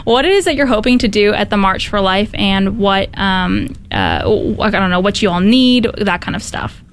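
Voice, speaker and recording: A woman's voice: medium pitch, very animated, normal speed, slight background noise. A woman radio host chatting casually with loose fillers and restarts, heard from the other side of a glass partition. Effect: heard through a glass partition, slightly distant. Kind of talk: casual interview chat.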